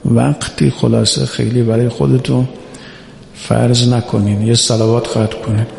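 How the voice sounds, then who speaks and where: A man preaching a religious sermon who urges his listeners on and slowly chants quoted scripture. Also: mid-range voice, flat delivery, creaky, background noise. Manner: exhorting, quotes Arabic scripture in slow chant. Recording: echoey hall reverb.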